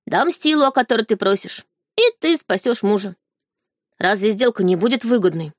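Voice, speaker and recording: Audiobook: woman reader as detached male sacred beast in boy form, flat calm delivery, dry close sound. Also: medium pitch, normal speed, dry recording, natural voice. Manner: calm, indifferent, matter-of-fact. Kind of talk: audiobook character reading.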